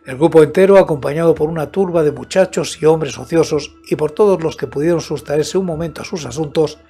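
Over background music, an aging audiobook narrator and horror-show host delivers a scripted scary story at a deliberate, measured pace. He sits close to a studio mic with headphones on, and his voice, slightly high for a man, sounds mellow.

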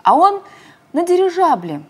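A woman's voice: extremely high pitch, very animated, moderate pace, voice pushed up. A woman voicing a playful, curious young hare in a storybook reading.

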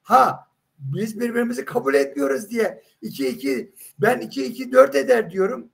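Very high-pitched, gravelly, husky man arguing. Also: animated, normal speed. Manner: insistent, emphatic, rhetorical questions. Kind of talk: heated live religious debate.

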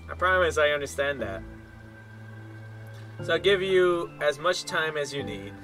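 A man reading as a gentle comforting girl. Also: a little high, lively intonation, a little slow. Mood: soothing. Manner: plain reading of dialogue off the screen. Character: kind, patient teenage girl comforting a friend. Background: game music.

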